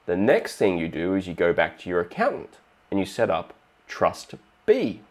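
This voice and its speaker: An Australian man with a somewhat low voice walks through a money topic in a steady, explanatory monologue. He now and then slips into short acted exchanges to make his point. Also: moderate pace. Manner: steady explanatory, acts out little dialogues. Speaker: finance video host.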